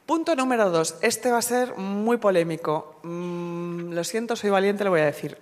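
A woman's voice: medium pitch, expressive, moderate pace. Sarcastic ranting woman in a reverberant room. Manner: sarcastic, ranting, laughing often. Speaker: podcast co-host. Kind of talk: casual chat. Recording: long hall reverb.

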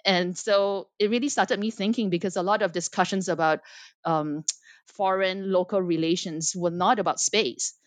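Speaking at a moderate pace with fairly low pitch and fairly even intonation, this guest author from Singapore, a woman in her forties, gives considered answers in an academic interview. Ums and restarts are frequent, and there's no echo.

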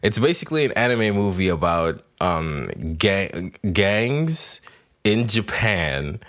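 A man's voice: on the low side, big pitch swings, slow, a bit bright. A man chatting casually as a podcast co-host in a slangy, frat-bro manner, dropping bros, dudes and swear words. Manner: bro-ish slangy talk full of "bro", "dude" and swearing.

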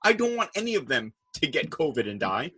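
Man, talk show host, husky, bright and edgy tone, casual political chat, animated. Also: a little high, a little fast. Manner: animated, retells quarrels in quoted voices.

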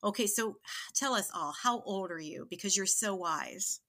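A woman's voice: mid-range voice, normal speed, sharp tone. A woman taking over as interviewer, playful and joking in casual chat. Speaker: guest interviewer.

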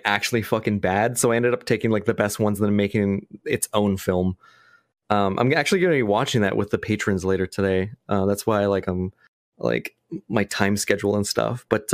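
Swearing, animated man on a podcast. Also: fairly low pitch, dry recording, clean studio sound. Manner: swears freely, laughs easily, animated storytelling. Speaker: podcast guest. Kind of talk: casual chat.

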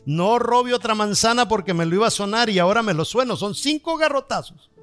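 A man's voice: high-pitched, lively intonation, a little fast, fairly bright tone, faint music behind, pitched above the performer's own voice. A man voicing a stern mother who insists on punishing her son, in a firm, lecturing tone.

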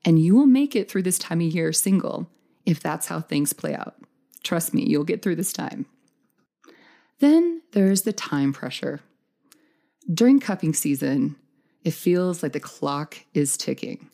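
A woman with a mellow voice and plenty of fry delivers scripted relationship advice. She sounds upbeat and encouraging, laying out her points tidily as a podcast host. Her pitch sits on the low side. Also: sing-song, measured pace. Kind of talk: scripted dating advice talk.

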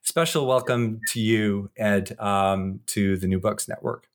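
Speaking with a fairly low pitch and a steady tone, this man co-hosts an interview podcast. His introductions and questions to guests are casual, a bit halting, and wordy.

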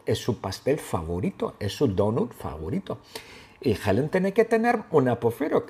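A man telling a simple story for language learners, lively and playful, with his own sound effects. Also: mid-range voice, creaky. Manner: animated, makes gun sound effects. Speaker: language teacher.

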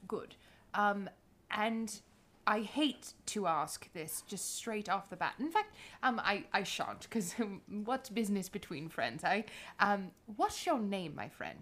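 A woman voicing a polite, formal negotiator who talks in elaborate, halting courtesies. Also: mid-range voice, very animated, fairly bright tone, full character voice. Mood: courteous.

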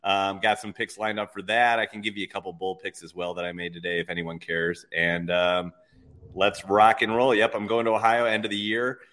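Brisk and a bit bright, a lowish male voice with little pitch movement belongs to a sports bettor appearing on a live betting show. He chats casually through his picks in an upbeat, relaxed way.

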